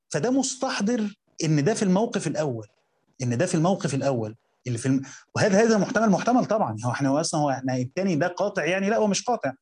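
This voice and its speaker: Reading quotations slowly before unpacking them in everyday speech, an Egyptian-accented man leads a Quran commentary lesson and quizzes his students. His voice is fairly high, darkish, and breathy at the edges.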